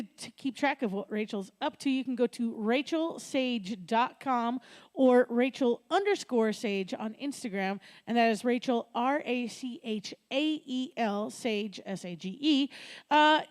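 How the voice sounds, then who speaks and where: A woman with a high, bright-pitched voice hosts a live radio music show. She introduces guests and shows in an upbeat, friendly announcer manner.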